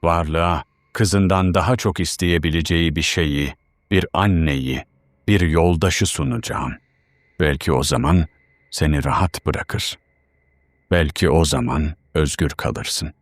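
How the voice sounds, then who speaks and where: A man voicing a guilt-ridden wife reading out her solemn, confessional farewell letter in a low, dry voice. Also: slow, no echo, full character voice. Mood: remorseful.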